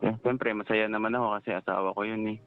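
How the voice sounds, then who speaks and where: A man's voice: lowish voice, steady tone. Male caller on a tinny phone line. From Philippines. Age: 30s. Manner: rambling, halting retelling with many fillers. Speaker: caller, security guard. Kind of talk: phone-in advice call.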